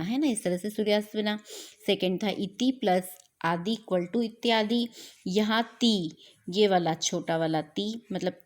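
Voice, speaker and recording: A woman teaching grammar in a classroom-style lesson, repeating each point and asking questions she then answers, with English words mixed in. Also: mid-range voice. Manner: mixes English words into Hindi.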